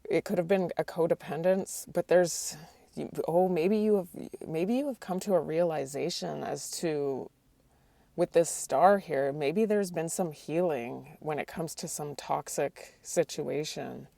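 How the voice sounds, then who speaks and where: A woman reads tarot cards a little slowly in a low, mellow voice with vocal fry, her voice starting to fail. She speaks hesitantly, repeatedly restarts her sentences, and asks the cards aloud, recorded with no room sound.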